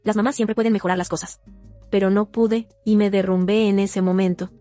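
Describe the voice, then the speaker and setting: Woman telling her own story in a voice-over, soft mellow tone, calm and steady, quiet guitar behind. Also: medium pitch, a little fast. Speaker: narrator of a personal near-death testimony. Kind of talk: first-person testimony voice-over. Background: faint guitar music.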